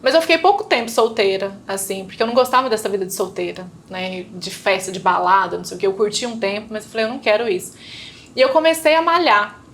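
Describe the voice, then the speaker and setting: A woman's voice: medium pitch, quick pace, hardly any pauses, a bit bright, a little hiss or hum. A woman with a Brazilian Portuguese accent, a guest telling her own story in casual chat and acting out remembered conversations. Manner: storytelling, acting out remembered dialogue, frequent tag questions. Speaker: interview guest. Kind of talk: personal testimony in casual chat.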